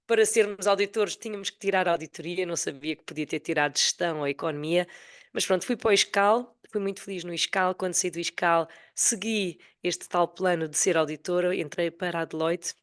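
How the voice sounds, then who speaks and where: Female podcast guest, 40s, European Portuguese accent, lowish voice with a lingering cold, casual personal storytelling. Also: a little fast. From Portugal, Sintra area near Lisbon. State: voice affected by a cold, recovering from flu. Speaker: podcast guest, retired corporate finance executive.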